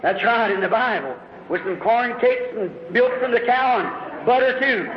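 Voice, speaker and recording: A man preaching a sermon, telling stories dramatically and rising to shouts. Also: extremely high pitch, moderate pace, crowd noise. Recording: echoey hall, dull lo-fi recording.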